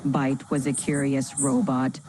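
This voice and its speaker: A woman's voice: very deep voice, little pitch movement, background noise, voice pushed down. A female synthetic voice assistant putting on a dramatic robotic voice to tell a bedtime story in a mechanical, theatrical way. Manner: theatrical, slow storytelling delivery.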